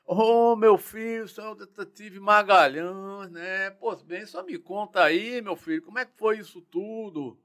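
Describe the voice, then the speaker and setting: A man's voice: sits high, measured pace, hardly any pauses, a bit bright, pitched above the performer's own voice. A man imitating an older male army general with a Northeastern Brazilian accent, who drawls and calls the listener "my son". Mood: paternal.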